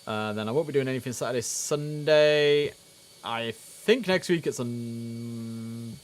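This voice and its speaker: A man with a mid-range voice provides casual commentary on a game stream, chatting freely and lapsing into clipped air-traffic-radio-style speech. The recording is rough, with steady background noise.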